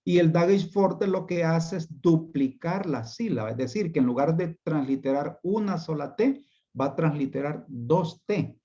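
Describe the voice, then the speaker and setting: Male teacher, slow and mellow, patient step-by-step lecturing over dull video-call audio. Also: on the high side, animated. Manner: slow, patient explaining with repetitions. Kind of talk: online class lecture.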